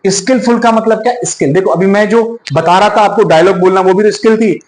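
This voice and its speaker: High-voiced male teacher lecturing students. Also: brisk, a little mellow, echoey room, rough recording. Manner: keeps checking in with students with "yes or no". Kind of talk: classroom lecture.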